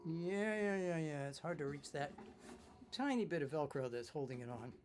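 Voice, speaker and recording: A man's voice: a little high, expressive, moderate pace, over loud music. A man giving a casual hands-on instrument demonstration, chatty and self-mocking, thinking aloud while he tinkers.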